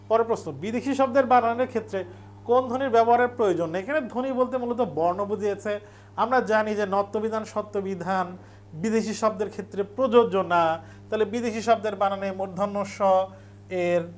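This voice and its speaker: A teacher giving an exam revision lecture, explaining step by step and repeating key points for emphasis. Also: medium pitch.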